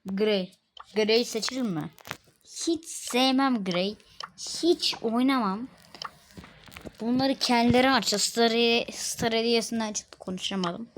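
A woman chatting casually while playing a mobile game, often yelling at her teammates during matches. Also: on the high side, slow, slight background noise. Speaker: gaming video creator. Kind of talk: casual gameplay commentary. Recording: game music clearly behind voice.

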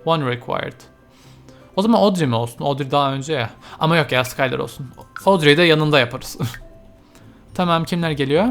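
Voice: mid-range voice, normal speed, a bit bright. A let's-player chats through a game session in a mid-range voice, talking straight to the characters and exclaiming often. English game terms slip into the commentary, with faint game music underneath. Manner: chatty, talks to game characters, frequent exclamations. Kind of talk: casual let's-play commentary.

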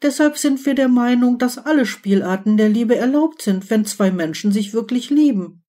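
A woman's voice: on the high side, animated, normal speed, dark tone, voice pushed up, lightly acted. A woman voicing a gushing, overly sweet teenage witch in an audiobook reading. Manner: gushing, syrupy and eager.

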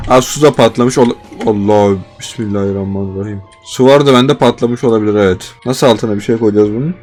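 A man with a Turkish accent giving excitable live commentary while playing a survival game, swinging between panicked yelps and exasperated complaints. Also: medium pitch. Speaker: gaming YouTuber.

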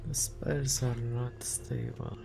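Slow, creaky-voiced gamer musing. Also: medium pitch, flat delivery, whispered. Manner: halting, musing to self. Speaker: gameplay streamer. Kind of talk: casual gameplay commentary.

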